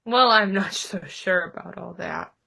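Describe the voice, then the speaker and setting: A woman voicing a small, anxious piglet who is timid and self-doubting, speaking haltingly with a stammer. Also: on the low side, vocal fry, pushed and bright, slightly rough, full character voice. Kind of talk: role-played therapy client in character.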